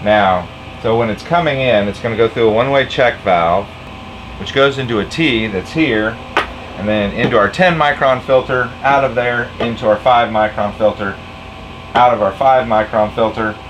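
In his cluttered home workshop, a boat owner and DIY tinkerer in his forties casually walks through a homemade project step by step, using filler words. His voice is medium-pitched and fairly bright at a normal speed. A camera mic a few feet away gives poor audio with slight background noise.

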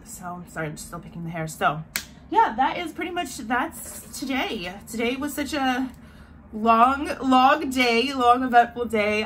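A young woman chats casually into her phone camera, sounding worn out and drowsy as she rambles through her day. Her voice sits in an ordinary middle register, and a clear hum of background noise runs under the phone recording. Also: mid-range voice, fairly bright tone, poor audio. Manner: chatty, tired and drowsy, with sighs and drawn-out words. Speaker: beauty vlogger. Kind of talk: casual vlog talk to camera. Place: bedroom at home, indoors. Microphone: phone or camera held close.

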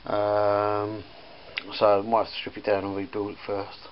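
In a low monotone at normal speed, a man shows what he bought at auction, talking casually and rambling with frequent ums and restarts. He's outdoors in a garden and workshop, and the slightly dull camera audio picks up faint background noise, outdoor sounds and church bells.

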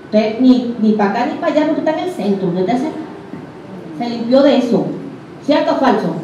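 A woman's voice: a little high, expressive, fairly quick, dark tone, slight background noise. A woman with a Venezuelan accent teaching a group in a conversational way, often putting questions to her listeners. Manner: conversational, questions the audience directly. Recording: echoey room, distant dull mic.

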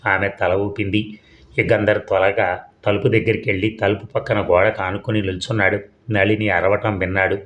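A male storyteller reading a suspense tale aloud. His voice sits on the low side, and he keeps a steady, measured pace with the odd small slip. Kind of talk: scripted narration of a suspense story.

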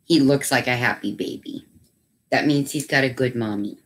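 A chatty woman with a low voice hosts a relaxed craft livestream from home. She talks easily with viewers and lapses into doting baby talk with her pets. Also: normal speed, slightly rough. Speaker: craft channel host. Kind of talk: casual livestream chat.

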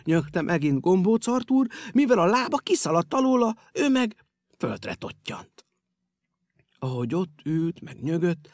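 Animated male storyteller reading a children's tale. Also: high-pitched, no room sound, studio quality. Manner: animated and playful. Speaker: audiobook narrator.

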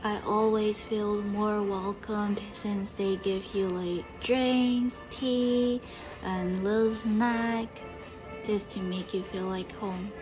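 Speaking slowly in a steady, mid-range tone, a young woman from Korea chats casually for her vlog, sprinkling in fillers such as "like" and "you know." The setting is a bright indoor home studio followed by voice-over, with her talk laid over loud background music.

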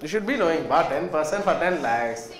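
In an echoey classroom with students faintly heard, a South Indian-accented man in his thirties lectures on accountancy. He's emphatic, repeats points and asks students questions, with a fairly high pitch, lively intonation and a slightly fast pace.

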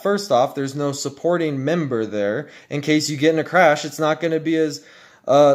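A man's voice: mid-range voice, a little mellow. A man at home ranting in a casual vlog, profane and exasperated. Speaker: vlogger. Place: at home with his dogs.

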